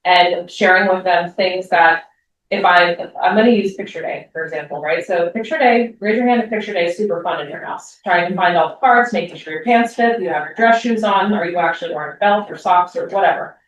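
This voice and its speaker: A woman's voice: on the low side, brisk, dull audio, a little hiss or hum. A woman speaking to a room of parents in a loose, conversational way, with many ums and restarts. Her voice is picked up from a distance. It rings with heavy echo in the meeting room. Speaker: school presenter. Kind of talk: parent talk. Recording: echoey room, voice from far off.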